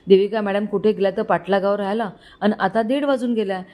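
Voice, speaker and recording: A woman's voice: medium pitch, quick pace, mellow, lightly acted. A woman voicing a nervous, deferential male chauffeur who pleads with his boss in a storybook reading. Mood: pleading.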